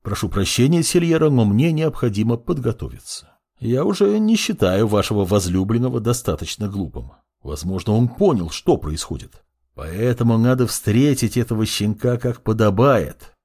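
An ancient undead lich, voiced by a male audiobook reader, speaks with quiet, clinical fascination and a soft menace. The voice sits low with a husky, breathy grain. Its pitch moves freely, rising and falling. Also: normal speed. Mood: cool. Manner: calm, coolly fascinated, softly menacing. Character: cold, curious undead lich mage, centuries old. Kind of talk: audiobook character reading.

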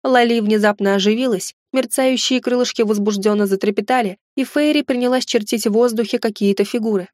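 A woman narrating a first-person fantasy audiobook in a steady, measured reading. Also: fairly high pitch, dry recording, studio quality.

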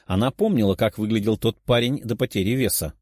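A man narrating an audiobook in an even, measured reading. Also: on the low side, no echo, clean studio sound.

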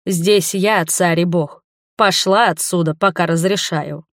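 A woman's voice: on the low side, a little slow, fairly bright tone, no room sound, studio quality. A woman voicing an arrogant, cruel young male fire mage who sneers and threatens, in an audiobook. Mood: sneering.

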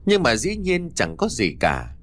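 A man narrating a scripted ghost story with dramatic, expressive delivery. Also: mid-range voice, unhurried.

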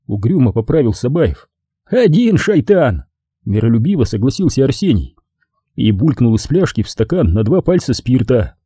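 A man narrating an audiobook with expressive storytelling. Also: mid-range voice, breathy edge, dry recording, studio quality. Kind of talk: scripted narration.

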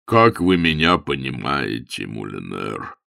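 A man's voice: extremely low pitch, sing-song, takes it slowly, gravelly, bright, forceful tone, no room sound, studio quality, full character voice. A man reading an audiobook voices a troubled, pompous elderly bishop who sighs over his troubles and quotes scripture. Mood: rueful. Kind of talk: audiobook character voice.

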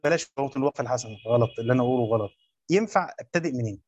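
A man's voice: mid-range voice, racing, darkish tone, dry recording, lo-fi sound. A man with an Egyptian accent teaching a class on Quranic exegesis, repeating his points and quizzing his students. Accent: Egyptian Arabic. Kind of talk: classroom lecture.

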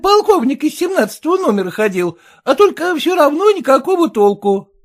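A woman's voice: high voice, sing-song, brisk. A man reading a story aloud, voicing a put-upon kitchen cook woman with a whining, tearful manner. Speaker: character in a read story.

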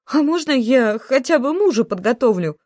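A woman reading an audiobook voices its heroine, a wry office worker and mother who pleads with sarcastic, higher-pitched protests. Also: lively intonation, normal speed, darkish tone, no room sound, studio quality.

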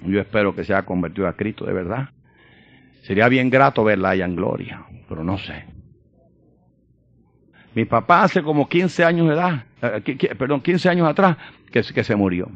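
A man preaching a sermon, swinging between loud emphatic proclamation and quiet personal storytelling. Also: mid-range voice, expressive, normal speed, long pauses, dry recording. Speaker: pastor. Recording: dull lo-fi sound.

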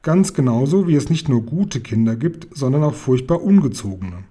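A man voicing a brisk, self-assured young girl who explains things firmly in a storybook reading. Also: medium pitch, expressive, mellow, husky.

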